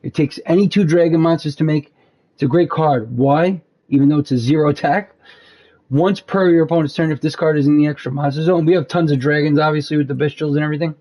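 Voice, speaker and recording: A man's voice: on the high side, fairly even intonation, brisk, darkish tone, rough recording. A man hosting a card game channel, talking casually through gameplay in a rambling way full of fillers, tired and losing his voice.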